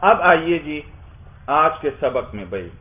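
A man's voice: on the high side, sing-song. A man teaching a class, explaining step by step and asking his students questions that he then answers himself. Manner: explains with repeated questions and answers, often adds "bhai". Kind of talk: classroom lecture. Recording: tinny phone-like sound.

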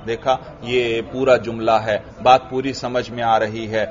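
A man's voice: mid-range voice, little pitch movement. A man teaching a grammar lesson to a class, often asking students questions and repeating their answers. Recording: dull lo-fi recording.

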